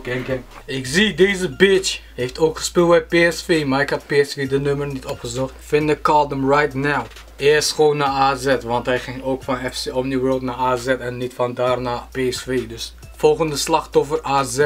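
A young man from the Netherlands ranting loudly, swearing and mixing English slang into his talk, then making prank calls. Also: medium pitch, fairly even intonation, normal speed, faint music behind. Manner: loud, profane, slangy, mixing English into Dutch. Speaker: vlogger. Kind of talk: angry rant and prank calls.

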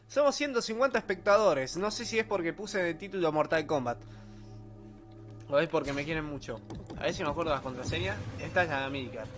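A young man with an Argentine accent, live streaming a retro game in low spirits, joking in slang and reading chat aloud. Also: a little fast, fairly bright tone, soft background music. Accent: Argentine Spanish. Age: young adult. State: low-energy, subdued. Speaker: gaming streamer. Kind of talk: casual live stream commentary while gaming.

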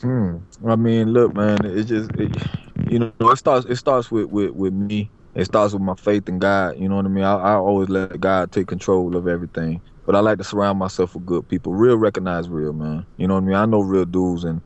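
Speaking briskly in a low, fairly even voice, this Florida barber is a podcast guest in a casual interview. He's streetwise, says things more than once, and keeps checking "you know what I mean." The recording sounds dull and lo-fi.

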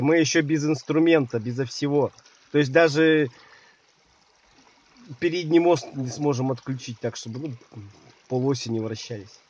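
Out in a forest at night, a young man vlogs casually to camera in a fairly high voice, cracking dry, self-mocking jokes about his own bad luck. The highs in the recording are cut off.

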